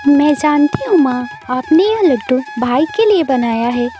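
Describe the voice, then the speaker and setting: A woman voicing a meek little girl who pleads softly. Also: high-pitched, animated, measured pace, faint music behind. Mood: pleading. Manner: pleading, timid.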